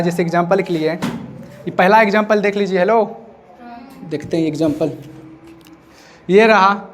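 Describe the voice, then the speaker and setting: A man's voice: high voice, slight background noise. A man teaching a maths class, repeating his questions so students answer back. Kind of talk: classroom lecture.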